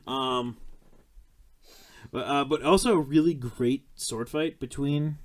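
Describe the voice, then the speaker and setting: A man's voice: mid-range voice, slow. A man hosting a podcast, chatting casually about a film, rambling with lots of fillers, restarts and swearing. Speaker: podcast host.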